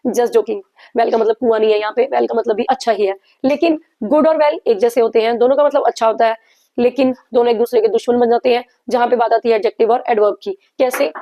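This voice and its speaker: A woman teaching English grammar to beginners, explaining each point and slowly reading out example sentences to her viewers. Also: on the high side, steady tone, highs cut off. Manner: slow, deliberate when reading English examples aloud; addresses viewers directly, asks them to answer.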